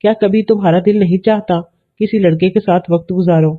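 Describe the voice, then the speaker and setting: A teasing middle-aged uncle from a narrated story, read by a man in a fairly high voice with an even, plain delivery. The audio is thin and tinny, like it came down a phone line.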